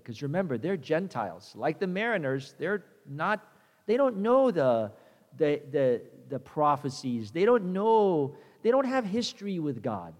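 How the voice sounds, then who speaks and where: A man's voice: fairly high pitch, a little mellow, big-room sound. A male pastor preaching a conversational sermon, repeating himself and acting out the characters.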